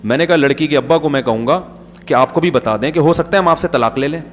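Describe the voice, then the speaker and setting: Middle-aged Pakistani Urdu-accented male preacher, anecdotal and jokey, fairly high voice, long hall reverb. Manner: jokey storytelling, acts out dialogue. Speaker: Islamic preacher. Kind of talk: conversational sermon with anecdotes.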